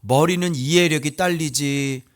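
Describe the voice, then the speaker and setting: A male pastor preaching in a colloquial, emphatic way, often asking his listeners rhetorical questions, swinging between loud outbursts and low mutters. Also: unhurried. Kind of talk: sermon.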